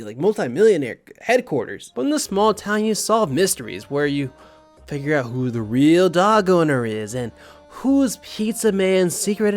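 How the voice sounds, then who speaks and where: Young adult man, slightly high voice, rambling and excitable, loose swearing, casual video rant with faint music underneath. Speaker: video creator. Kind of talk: casual rant about a childhood video game.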